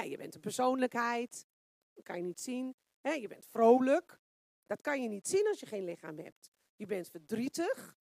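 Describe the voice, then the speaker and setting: A woman preacher with a fairly high voice gives a loose, conversational sermon. She asks her listeners rhetorical questions and hunts for words out loud with plenty of fillers. The sound is dry and close, with no room echo. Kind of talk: informal sermon.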